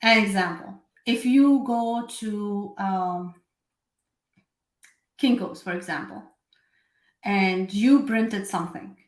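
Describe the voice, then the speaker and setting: Chatty woman from Syria, echoey room. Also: medium pitch. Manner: chatty, with many fillers and self-corrections. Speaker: bookkeeping and tax host. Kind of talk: casual live explainer.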